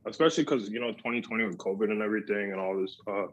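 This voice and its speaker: A young man speaking as a podcast guest in casual chat, relaxed and full of "like" and "um". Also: on the low side, rapid-fire. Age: young adult. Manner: relaxed, lots of "like" and "um". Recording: dull lo-fi dry sound.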